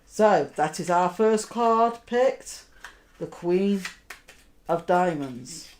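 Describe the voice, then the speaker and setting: A woman magician giving card trick patter, deliberately talking her audience through each step and checking in with questions. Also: fairly low pitch, animated, darkish tone, a little hiss or hum. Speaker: magician, host.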